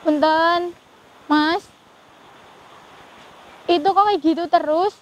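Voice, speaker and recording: A woman's voice: very high-pitched, fairly even intonation, slow pace, low-quality recording. A woman hosting a ghost-hunting vlog, speaking fearfully and murmuring prayers as she goes. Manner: fearful, praying aloud often. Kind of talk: live paranormal investigation vlog.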